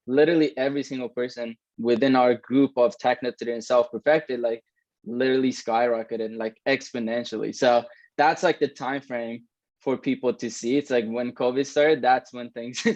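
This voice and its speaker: This twentysomething co-host from Iran keeps the chat casual, cursing a lot and ending lines with "right?". His ordinary-pitched voice has a darkish tone and fairly even intonation at a normal speed. The lo-fi audio is dull, dry and close, with no echo.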